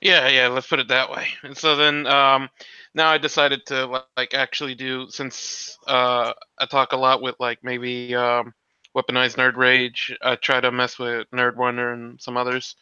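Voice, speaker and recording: A man's voice: medium pitch, completely flat delivery, a little slow, pushed and bright, clean tone, dry recording. A man joining a casual stream as a guest cartoonist, joking and hesitant. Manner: joking, hesitant, laid-back. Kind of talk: casual chat. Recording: dry, dull lo-fi mic.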